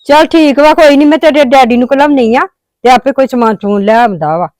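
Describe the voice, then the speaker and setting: A woman's voice: high-pitched, brisk, a little mellow, dry recording, natural voice. A woman playing an older mother and wife who talks in a welcoming, homely way.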